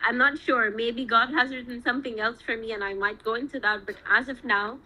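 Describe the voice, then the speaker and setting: Earnest young woman, higher voice. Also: steady tone, fairly quick, sharp tone, rough recording. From Saudi Arabia. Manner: earnest, reflective, talks at length. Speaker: medical student guest. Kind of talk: interview answers.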